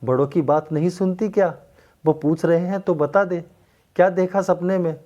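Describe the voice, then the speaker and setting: A man's voice: high voice, steady tone, moderate pace, dark tone, highs cut off, close to an everyday voice. A man voicing a stern older mother-in-law who scolds her daughter-in-law, in a storybook tale.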